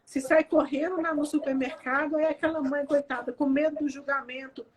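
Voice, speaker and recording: A woman's voice: high voice, steady tone, brisk. A Brazilian woman in her thirties, a therapist, chatting animatedly and explaining parenting limits with everyday examples. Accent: Brazilian Portuguese. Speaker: emotional therapist guest. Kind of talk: casual conversation.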